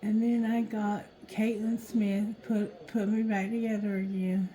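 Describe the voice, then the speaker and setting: A woman reads cards in a drowsy, mellow voice at a markedly slow pace. Her speech sits thick on the tongue and slightly slurred, and she moves haltingly, often repeating a phrase as she works through the reading. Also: medium pitch, little pitch movement, rough recording. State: tired, drowsy. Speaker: tarot reader. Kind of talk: intuitive card reading, casual monologue.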